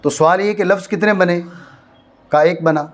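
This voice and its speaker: A man from Pakistan gives a classroom lecture in a fairly high voice. He often stops to ask whether his students are following. He slowly repeats key phrases to drive a point home. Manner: checks understanding, repeats phrases slowly for stress. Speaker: teacher of Arabic grammar. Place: madrasa classroom.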